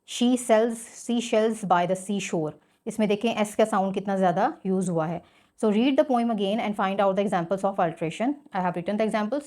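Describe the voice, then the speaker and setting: Very slow-speaking woman teacher. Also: medium pitch, darkish tone. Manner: reads example sentences aloud, then explains them in Hindi-Urdu; switches between English and Hindi-Urdu. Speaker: English teacher. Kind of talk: explaining a school English lesson.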